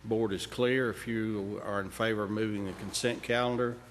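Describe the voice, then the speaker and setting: A man chairing a county committee meeting, briskly calling for motions, seconds and votes. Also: fairly low pitch, fairly even intonation. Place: large county commission room. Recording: reverberant room, faint noise.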